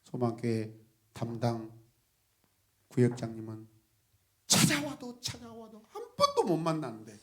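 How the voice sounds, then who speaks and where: A male pastor preaching an animated sermon, shifting between soft asides, laughter and sudden shouts as he calls out to the congregation. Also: mid-range voice, unhurried, long pauses. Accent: Gwangju.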